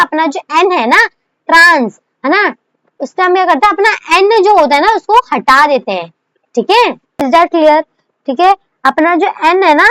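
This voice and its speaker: A young woman explains shorthand strokes in a lesson, high in pitch and patient. She checks in constantly and poses questions to herself. The sound is dry and close, with no room around it. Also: fairly bright tone, dry recording. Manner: patient, repeats "theek hai" and rhetorical questions, mixes English terms into Hindi. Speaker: shorthand teacher. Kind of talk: recorded lesson explaining by demonstration.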